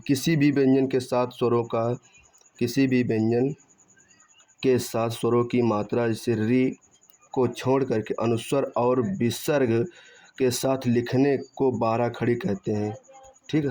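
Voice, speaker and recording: A man's voice: mid-range voice, fairly even intonation, measured pace, mellow. A man teaching Hindi grammar in an online lesson, repeating points, asking and answering his own questions and checking in with "theek hai". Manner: drags out syllables when spelling sounds. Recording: dull, muffled lo-fi recording.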